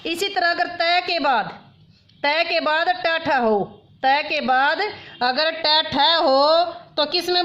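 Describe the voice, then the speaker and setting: A woman's voice: sits high, a bit bright. A woman teacher explaining grammar rules step by step, repeating each rule with worked examples. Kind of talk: grammar lesson. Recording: dull lo-fi sound.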